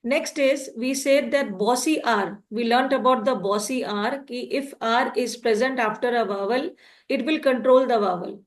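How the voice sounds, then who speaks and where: A woman teacher with an Indian English accent, slowly explaining phonics to a class step by step and quizzing the students. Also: fairly high pitch. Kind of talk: classroom lesson mixing Hindi and English.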